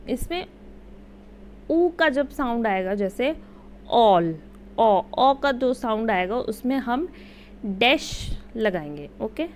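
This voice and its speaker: Young woman, slightly high voice, unhurried teacher. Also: a little hiss or hum. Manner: slow, patient explaining. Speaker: shorthand teacher. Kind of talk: casual Hindi-English lesson.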